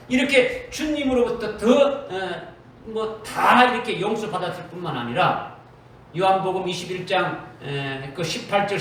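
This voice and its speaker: A man's voice: high-pitched, a bit bright. A man preaching a sermon in a church, emphatic and repetitive, often quoting Jesus in direct speech. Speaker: pastor. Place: church sanctuary. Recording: echoey church hall from far off, faint noise.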